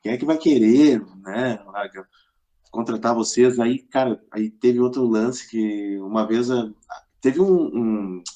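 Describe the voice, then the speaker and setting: A warm, mid-range voice belongs to a middle-aged man with a Rio Grande do Sul accent from southern Brazil, who takes his time. He's a podcast guest casually recounting anecdotes in everyday language and voicing the characters' dialogue.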